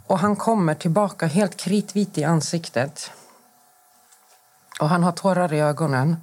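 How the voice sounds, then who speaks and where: A woman's voice: lowish voice, darkish tone. A woman in her forties from Sweden, a podcast guest giving a personal account in conversation. She recounts events in detail, acts out the dialogue she quotes, and often breaks off and restarts her sentences.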